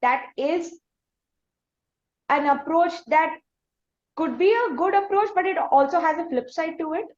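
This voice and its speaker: A woman with an Indian accent hosts a conversational podcast interview, her voice extremely high yet darkish in tone. She asks long, hesitant, circling questions at a measured pace with long pauses, recorded in dull lo-fi audio.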